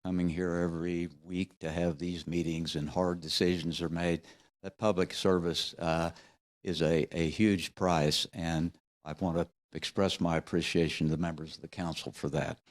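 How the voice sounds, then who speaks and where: A man's voice: low voice, little pitch movement, normal speed. A man speaking at a city council meeting, giving formal, earnest remarks of appreciation.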